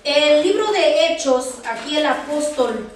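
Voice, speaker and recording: High-voiced woman preaching in an echoey hall. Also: animated, a little slow. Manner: emphatic, rising to high pleading quoted voices. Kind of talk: sermon. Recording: echoey hall from far off, faint noise.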